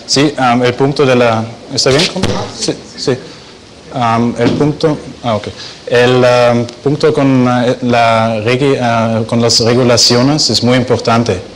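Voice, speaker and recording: A man who is not a native Spanish speaker presents at a conference as an academic, with a foreign accent and halting delivery as he searches for words. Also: medium pitch, steady tone, slight background noise, rough recording. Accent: foreign, non-native Spanish.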